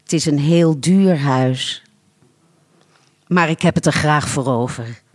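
A pampered, haughty rich lady from a storybook, as the reader puts her on, savoring every word in a languid, self-satisfied drawl. The delivery is unhurried and lingering. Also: medium pitch. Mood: gushing. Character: wealthy, haughty older woman with dogs.

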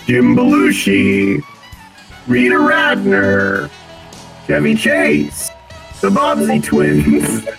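A stiff robot announcer, put on by a man, reads out names slowly and deliberately. Each name swings wildly up or down in pitch, and now and then it pauses to say "computing." Music plays behind the voice. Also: wildly swooping pitch, vocal fry, exaggerated voice. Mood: announcing. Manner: slow, deliberate announcing with big pitch jumps, says "computing". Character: stiff male robot announcer reading a lineup. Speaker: podcast co-host. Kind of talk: casual comedy podcast chat.

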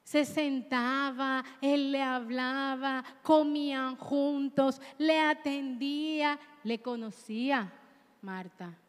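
High-voiced woman preaching in a hall. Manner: exhorting, call-and-response with the congregation. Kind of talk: sermon.

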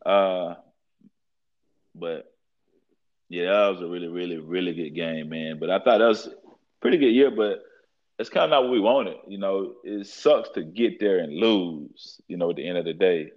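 A man's voice: deep voice, normal speed. A young man, a head football coach, talking casually in an interview, leaning on fillers and repeated phrases. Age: young adult. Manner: relaxed, repeats fillers like "at the end of the day". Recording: dull lo-fi sound.

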